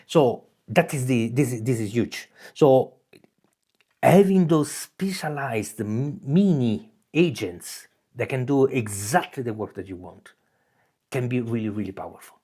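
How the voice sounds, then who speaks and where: This channel host from Italy talks in an animated yet unhurried way, his mid-range voice mellow and slightly rough. In a loose, casual monologue explaining his ideas, his Italian accent comes through as he restarts phrases and keeps asking "okay?".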